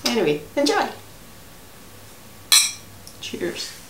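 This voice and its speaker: A woman reviewing craft beer in casual chat, relaxed and hesitant with frequent ums. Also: fairly high pitch, extremely slow. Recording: echoey room.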